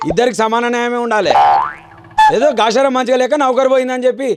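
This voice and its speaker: A man with a Telangana Telugu accent acting as a father-in-law in a village comedy, pleading rapidly. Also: very high-pitched, steady tone, loud music behind the voice.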